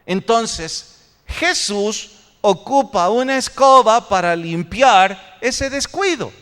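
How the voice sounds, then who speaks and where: Male pastor, sermon, high voice, unhurried, long church reverb. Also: lively intonation, fairly bright tone. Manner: preaching with rhetorical questions. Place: church sanctuary.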